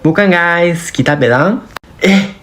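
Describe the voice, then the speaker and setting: A woman's voice: fairly low pitch, expressive, measured pace. A woman teaching everyday phrases in short comedic clips, acting each one out with playful exaggeration. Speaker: content creator teaching Japanese phrases.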